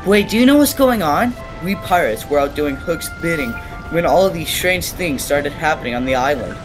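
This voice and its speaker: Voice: medium pitch, lively intonation, moderate pace, natural voice, rough recording. An actor playing an urgent, pragmatic pirate crewmate in an audio drama. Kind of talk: theatrical audio drama acting. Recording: music behind the voice.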